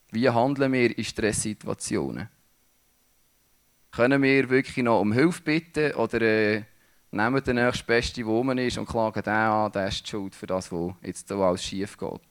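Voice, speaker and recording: Halting man preaching. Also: lowish voice, clean tone. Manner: halting, searching for words, many restarts. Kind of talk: sermon.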